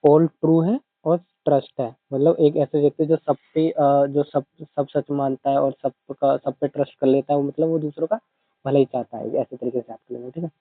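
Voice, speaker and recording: A man teaching exam vocabulary, speaking Indian-accented English and repeating each word slowly while he explains memory tricks. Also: on the high side, fairly even intonation, no room sound. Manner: mixes English terms into Hindi explanations. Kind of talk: exam-prep vocabulary lesson. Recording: dry, tinny phone-like sound.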